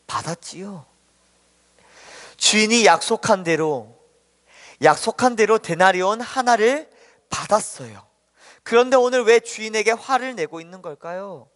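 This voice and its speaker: A man preaching a children's sermon, telling a story gently and asking the children questions. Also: high voice, lively intonation, a little slow, long pauses. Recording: long hall reverb.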